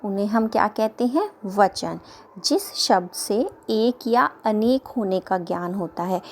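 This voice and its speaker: In a medium-pitched, animated and slightly mellow voice, a woman runs a grammar lesson for children. She repeats every word pair slowly, asks and answers her own questions, and slips English words in, while a faint hiss or hum runs underneath.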